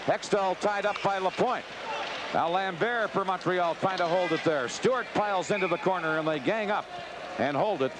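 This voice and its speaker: A man doing live play-by-play hockey commentary in a clipped running call that rises to excited shouts at big moments. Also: sits high, normal speed. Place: hockey arena. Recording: very noisy vintage TV sports broadcast.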